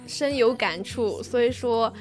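A woman's voice: fairly high pitch, a little slow. A woman co-hosting a casual podcast chat, playful and giggly. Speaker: podcast co-host. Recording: music playing behind.

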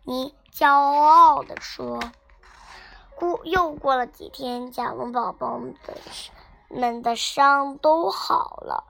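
Child storybook reader, high and gravelly, halting read-aloud. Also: sharp tone. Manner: halting, repeats and corrects words. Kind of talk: reading a picture book aloud.

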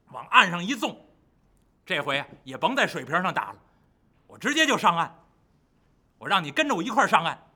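A man performing a traditional storytelling piece, talking to the audience in an animated way. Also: high voice. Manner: lively, animated, addresses the audience.

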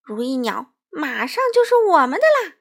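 A man's voice: very high-pitched, wildly swooping pitch, normal speed, gravelly, a bit bright, full character voice. Woman doing a whiny lanky thief. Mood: eager. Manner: greedy, grumbling. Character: lanky bumbling male farm thief.

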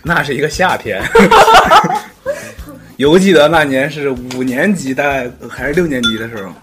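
A man's voice: mid-range voice, sing-song, normal speed. A man telling funny school stories in a casual chat, laughing as he goes. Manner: playful, laughing storyteller. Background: background music.

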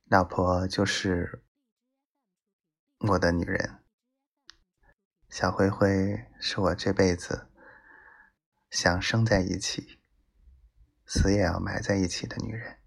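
A man delivering an intimate romantic monologue like a possessive, domineering lover, intense and at times breathy. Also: sits low, little pitch movement, slow, pauses often. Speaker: narrator of love monologues addressed to his wife.

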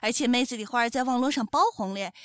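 A woman's voice: fairly high pitch, fast talker, a bit bright, dry recording, studio quality. A woman co-hosting a radio show, reading scripted comic items and listener messages. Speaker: radio co-host.

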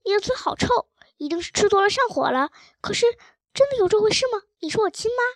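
Storybook part: a gentle, timid young girl read by a woman, high and soft. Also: sing-song, fast, no echo, clean studio sound, full character voice.

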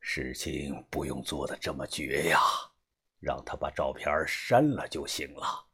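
A man voicing an older, cautious gang boss in an audiobook, speaking low and often in a hushed whisper. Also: steady tone, measured pace, husky, full character voice. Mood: guarded. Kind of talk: audiobook character voice.

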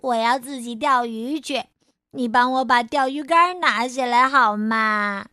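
Woman voicing a cheeky, high-pitched storybook cat. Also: measured pace, dry recording, clean studio sound. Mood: coaxing defiant. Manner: playful, wheedling, bursts into loud cries. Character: mischievous, cheeky young male cat. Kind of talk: children's storybook reading.

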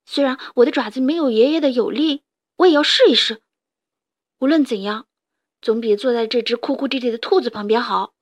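A woman's voice: fairly high pitch, fairly quick, dry recording, natural voice. A woman voicing a sturdy young male badger who speaks in an earnest, childlike way in a storybook tale.

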